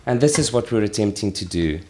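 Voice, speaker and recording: A middle-aged man from Malawi, a charity worker, making an earnest, measured appeal while demonstrating with a plant. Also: fairly low pitch, animated, a little mellow. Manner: earnest, measured, with pauses and restarts.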